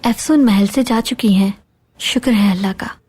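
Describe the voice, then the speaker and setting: A woman's voice: mid-range voice, normal speed, darkish tone, breathy edge. An actress dubbing an earnest palace woman. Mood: relieved.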